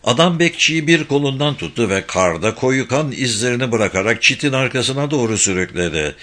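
A man narrating a crime novel audiobook in a steady, even reading. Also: mid-range voice, a little fast. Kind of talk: scripted narration.

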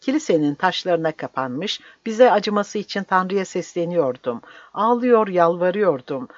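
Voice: medium pitch, lively intonation, moderate pace, no room sound, voice pushed up, natural voice. A narrator voicing a fervent old village priest who preaches in a raised, impassioned voice, dry and slightly dull audio. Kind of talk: audiobook character voice.

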